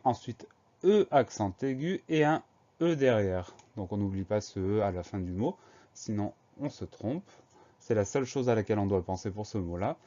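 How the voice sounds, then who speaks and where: A male teacher with a fairly low, mellow voice walks through a spelling lesson. He explains each word patiently and spells it letter by letter. The recording sounds dull and a little lo-fi. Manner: slow, carefully spells words letter by letter.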